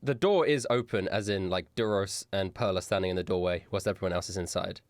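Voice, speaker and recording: A man's voice: sits low, brisk, no echo, clean studio sound. A man acting as game master, narrating a tabletop game in a casual, improvised way. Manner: casual, sweary.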